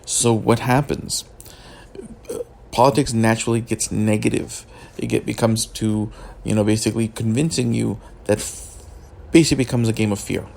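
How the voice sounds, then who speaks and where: A man who sounds groggy from just waking up, giving casual, unscripted political commentary in a halting way with repeated words and pauses. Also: lowish voice, steady tone, gravelly, a little mellow.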